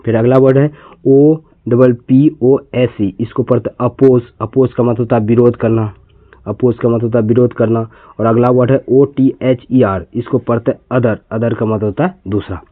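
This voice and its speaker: A man's voice: mid-range voice, fairly even intonation, normal speed, no echo. Indian man teaching in a tinny lo-fi recording. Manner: repetitive, spells words out letter by letter. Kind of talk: classroom-style English reading lesson. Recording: tinny, phone-like lo-fi sound.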